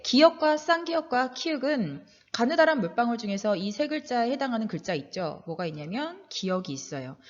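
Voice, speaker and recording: A woman teacher walks through a recorded lesson, drilling examples and asking her students questions as she goes. Her pitch swings widely, so she sounds animated. The sound is dull and lo-fi, with a long reverb trailing behind it. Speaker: Korean language teacher. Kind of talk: video lecture on pronunciation rules.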